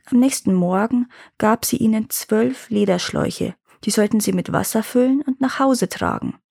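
Gravelly woman reading a fairy tale. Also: on the high side, animated, moderate pace, a little mellow, no echo, clean studio sound. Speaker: storyteller reading fairy tales. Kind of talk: scripted fairy-tale narration.

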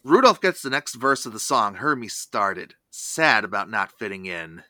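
Casting: male review host, crisp bright tone, lively intonation, dry studio-style sound, scripted recap. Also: lowish voice, normal speed, no echo. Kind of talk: scripted recap narration with asides.

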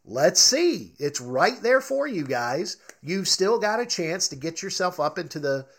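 A male co-host of a sports talk show, speaking with a slightly higher pitch. He talks emphatically and rants about his team's chances. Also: very animated, measured pace, a bit bright. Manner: emphatic, ranting.

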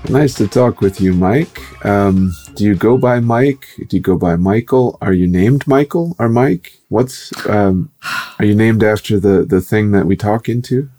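A man co-hosting a podcast, speaking with a very low, mellow voice. He jokes around and rambles, leaning on fillers. Faint music plays behind him. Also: a little slow. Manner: playful and joking, rambling with fillers. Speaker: podcast co-host. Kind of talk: casual interview chat.

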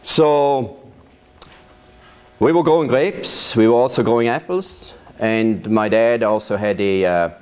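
A man, recounting his life in a measured, storytelling way during an oral history interview. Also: on the low side, a little mellow, clear, resonant tone. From Switzerland. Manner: measured storytelling with occasional laughs. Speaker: interviewee, vineyard manager. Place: his farm.

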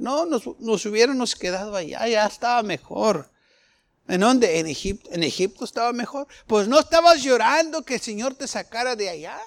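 A man preaching a sermon, firing rhetorical questions at the congregation and acting out the people he quotes. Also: high voice. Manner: fervent, rhetorical questions, acts out quoted voices.

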